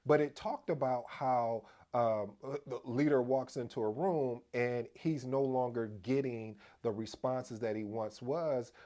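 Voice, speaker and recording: A man hosting a casual explainer video on project management, addressing viewers as family, energetic and prone to restarts. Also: medium pitch, unhurried, hardly any pauses. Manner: restarts and repeats himself as he talks. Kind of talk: casual explainer talk to camera.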